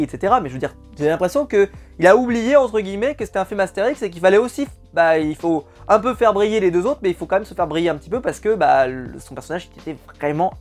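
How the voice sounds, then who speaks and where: A man giving a casual, exasperated spoken film review, often repeating words for emphasis. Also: fairly high pitch. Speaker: film critic.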